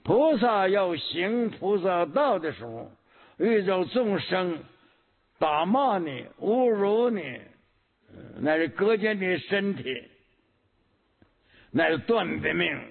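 Slow gravelly Buddhist preacher, man. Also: sits high, big pitch swings. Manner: slow, measured teaching with frequent hums and repetitions. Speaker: Buddhist teacher. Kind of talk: Buddhist sermon. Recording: tinny phone-like lo-fi recording.

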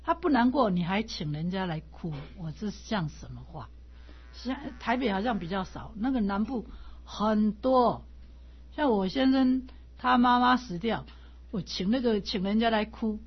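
Husky older woman telling lively stories. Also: mid-range voice, measured pace. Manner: lively, laughs often, animated anecdotes. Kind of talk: casual storytelling talk. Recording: dull lo-fi recording.

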